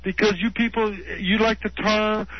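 A regular voice on a call-in radio show, he needles callers with combative sarcasm. His voice sits slightly high. The sound is dull and lo-fi, like an old radio broadcast. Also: little pitch movement, measured pace, no room sound.

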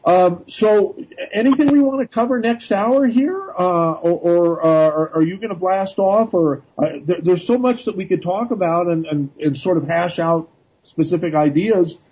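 An American man casually hosting a live radio call-in show in a hesitant, halting way. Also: high-pitched, darkish tone, husky, lo-fi sound.

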